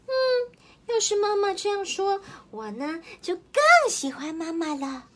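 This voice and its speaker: A woman doing a high, sweet little child. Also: lively intonation, unhurried. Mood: earnest, sweet. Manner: sweet, earnest childlike telling. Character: small child who adores its mother.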